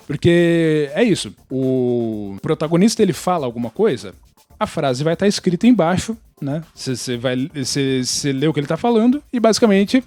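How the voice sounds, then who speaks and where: A Brazilian man in a casual podcast chat lays out his opinions bluntly, sometimes swearing. His voice is on the high side and warm, with no echo in the recording.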